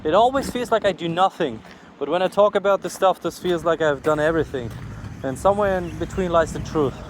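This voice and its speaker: Walking outdoors with his phone, a tired vlogger speaks fast in a fairly high voice and a German accent. He rambles casually, cursing and being frank about his own shortcomings. Vehicles pass and street sounds surround him.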